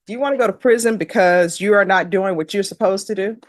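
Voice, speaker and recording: A woman's voice: medium pitch, fast talker, no echo. A middle-aged woman judge questioning a defendant in a courtroom, firm and lecturing, with pointed rhetorical questions.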